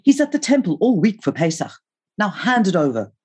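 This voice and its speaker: A woman's voice: mid-range voice, very animated, slightly rough, pitched above the performer's own voice. A woman voicing a bold, bossy young woman in her own novel, giving orders to her little brother. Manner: bossy, quick-tongued and loud. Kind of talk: reading her novel aloud.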